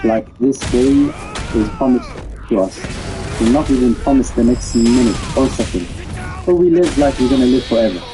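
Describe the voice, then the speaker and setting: A man from England teaching an Islamic lesson, speaking in an earnest, questioning way with a middle-pitched voice. He repeats words and circles back as he explains things. Music plays clearly behind him. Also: normal speed, poor audio. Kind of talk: religious lesson to a gathering.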